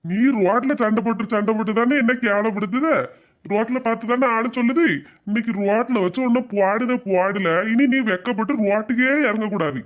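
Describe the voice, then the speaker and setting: A woman's voice: on the high side, fairly quick, lo-fi sound, close to an everyday voice. A woman voicing a bullying village husband who scolds and threatens. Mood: scolding.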